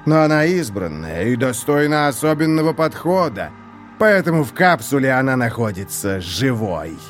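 A man's voice: medium pitch, very animated, moderate pace, faint music behind, close to an everyday voice. A man voicing a scheming, mocking male prison warden who gloats in a theatrical, mock-polite way. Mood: gloating.

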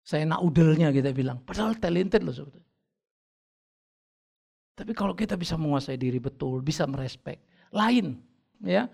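A middle-aged pastor from North Sumatra, Indonesia, preaches a sermon in a fairly high voice with vocal fry. His storytelling is lively and humorous, and he acts out conversations within a family.

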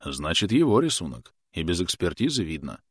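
A man doing a calm, sly working father. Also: deep voice, a little fast, husky, no room sound, exaggerated voice. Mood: deadpan. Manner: calm, dry and deadpan.

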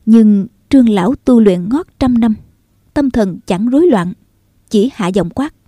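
A woman narrating a martial arts novel in a steady, measured reading. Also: on the high side, no echo, clean studio sound. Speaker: audiobook narrator.

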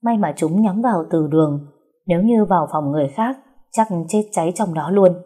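A woman telling a story in steady, scripted narration. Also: on the low side, brisk, breathy edge.

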